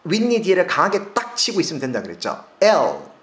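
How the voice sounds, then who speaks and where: A man's voice: high-pitched, huge pitch swings, quick pace, a bit bright. A man from South Korea, in his forties, teaching English pronunciation in a video lesson, repeating sounds for drills with emphasis.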